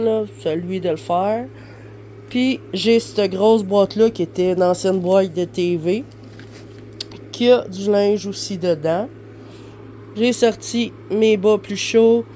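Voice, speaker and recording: A vlogger in her thirties with a Québécois French accent chats casually from her bed for a home vlog, rambling with lots of fillers. Her voice is mid-range and warm, but stuffy and congested from the flu, and there's a slight hiss or hum.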